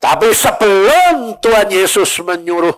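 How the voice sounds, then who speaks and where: Older preacher man telling lively stories. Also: high-pitched, a little slow, no echo. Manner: animated storytelling, acting out quoted voices. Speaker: evangelist preacher. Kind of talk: sermon with storytelling.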